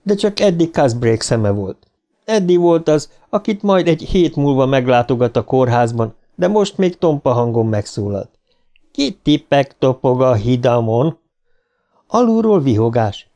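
A man narrating a novel as an audiobook reader, in an even storytelling manner. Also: medium pitch.

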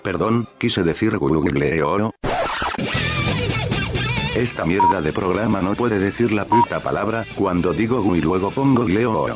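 A man's voice: low voice, measured pace. A man voicing a brash, foul-mouthed male internet personality, who slides from a mock-formal intro into cursing. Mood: exasperated. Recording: music bed underneath.

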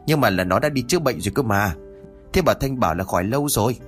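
A man's voice: medium pitch, animated, fast talker, soft background music, lightly acted. A man doing a kindly fussing village neighbor. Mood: soothing. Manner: soothing, chatty.

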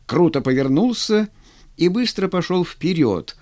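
A man narrating an audiobook in an expressive, measured way. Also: sits high.

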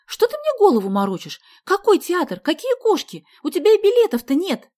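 A quick-tempered schoolgirl, as a woman reading puts her on in an audiobook, scolding in a shrill, high, loud voice. Her pitch jumps about constantly as she exclaims. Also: very animated. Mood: indignant.

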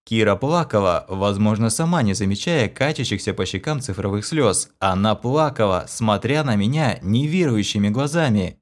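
A man reading a fantasy novel aloud as an audiobook narrator, dramatic and measured. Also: lowish voice, animated.

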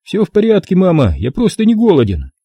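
Man doing a sulky grown son, somewhat raised voice, dutiful and curt, husky tone. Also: high voice, wildly swooping pitch, a little fast, warm tone, dry recording, pitched above the performer's own voice, heavily acted. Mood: sullen. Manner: sullen, dutiful. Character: meek, irritable grown son. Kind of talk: audiobook character voice.

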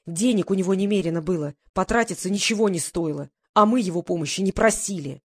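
A woman's voice: fairly low pitch, quick pace, husky, no room sound. A woman voicing an anxious, stern older mother who scolds her grown daughter in an audiobook. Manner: pleading, then stern and scolding.

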